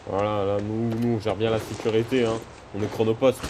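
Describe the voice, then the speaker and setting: A gaming video host does casual let's-play commentary, joking and excitably talking to both viewers and game characters. He has a fairly low voice and speaks fairly quickly, with background noise and loud game music behind him.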